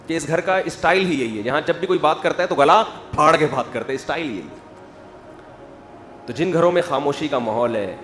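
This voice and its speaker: A man giving a humorous religious talk, acting out quoted voices and building to loud emphasis. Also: on the high side. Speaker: Islamic preacher. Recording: echoey hall with faint music.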